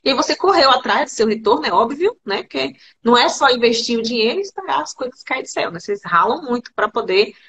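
A woman's voice: fairly high pitch, expressive, quick pace, hardly any pauses, fairly bright tone. A woman hosting a podcast, asking rambling interview questions full of fillers. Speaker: podcast host and teacher.

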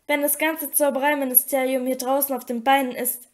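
Woman voicing anxious teen Hermine, high and worried. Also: level tone, fairly quick, lightly acted. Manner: worried, pleading. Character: anxious clever teenage schoolgirl.

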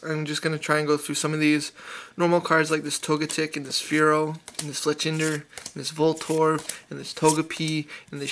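Bright-voiced guy listing trading cards. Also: a little high. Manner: rapid-fire listing of card names, enthusiastic. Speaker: YouTuber opening trading card packs. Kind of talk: casual card-opening commentary.

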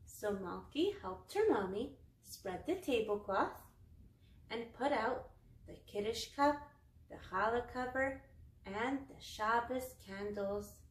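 Seated on a couch in a small living room, a young woman hosts a children's storytime, reading a picture book aloud in simple sing-song phrases. Her slightly high voice has lively intonation and a slow pace, with roomy indoor echo.

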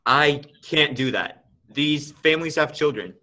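Young man acting a weary, bright-toned father. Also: fairly high pitch, lively intonation, unhurried. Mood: pleading. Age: young adult. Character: tired, principled, kindly father and loan manager. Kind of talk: radio play acting.

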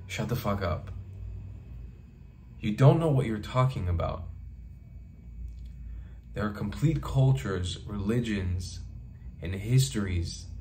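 There's a little hiss or hum behind this young man's low, slightly mellow voice. He's a travel vlogger giving an impassioned, emphatic monologue to the camera in a small bedroom, repeating phrases for emphasis and moving his hands as he speaks.

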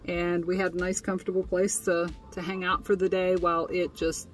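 A woman's voice: fairly low pitch, level tone, a little fast, distant mic, soft background music. Chatty young woman vlogging from a tent. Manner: chatty, with frequent fillers and laughs. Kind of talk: casual vlog recap. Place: inside a tent, small and indoors.

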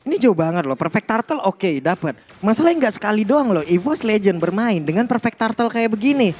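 A man with an Indonesian accent commentating a mobile game match like an excited fighting game announcer, with urgent hype calls. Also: sits high, slight background noise. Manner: shouted, urgent hype calls in rapid bursts. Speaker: esports play-by-play caster. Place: broadcast casting of a mobile game tournament. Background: music.

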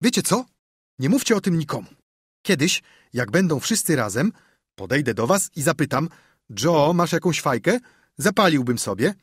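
A man's voice: a little high, normal speed, pauses often, husky, no room sound, clean studio sound, voice pushed up. A man playing a bragging young boy. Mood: boastful. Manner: bragging, excited. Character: boastful young boy, showing off.

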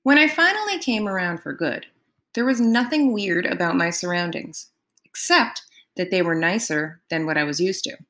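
A woman reading a novel aloud in first person, unhurried and expressive. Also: on the low side. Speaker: audiobook reader.

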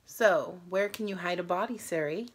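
A woman's voice: on the low side, moderate pace, breathy edge. A tired woman in her thirties chatting casually to camera as she hosts a challenge vlog. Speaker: host of a challenge video. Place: small room at home.

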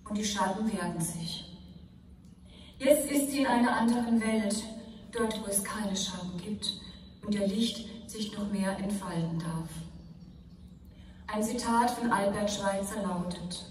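A woman reading a prepared funeral eulogy to an outdoor gathering, solemn and measured, with deliberate phrasing. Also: mid-range voice. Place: outdoor gathering outside a church. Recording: echoey amplified speech from far off, light noise.

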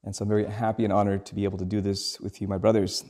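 Earnest priest with a warm, low voice. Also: male voice, flat delivery. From Sri Lanka. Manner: measured, earnest, with frequent ums and uhs. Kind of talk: homily.

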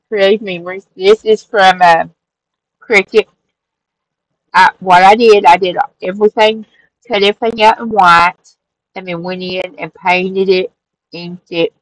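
In the poor-quality audio, a middle-aged woman with a lowish voice casually narrates a flip-through of her handmade craft journal. She hosts a crafting channel and sits at a table in her craft room, relaxed and rambling, with fillers and frequent self-corrections.

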